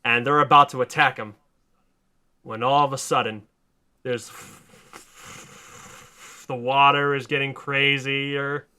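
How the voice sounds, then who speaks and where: A man hosting a podcast, telling a story in excited casual chat, swearing a lot and rising to near shouts. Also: mid-range voice, slow, pauses often, clear, resonant tone. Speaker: podcast host.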